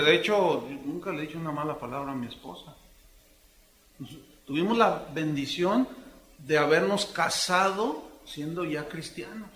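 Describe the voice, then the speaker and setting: A middle-aged Mexican pastor preaching in a high, bright voice. He tells lively stories and acts out each speaker's lines. The sound carries the echo of a church hall. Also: slight background noise. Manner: animated storytelling, acting out dialogues in different voices. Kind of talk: conversational sermon.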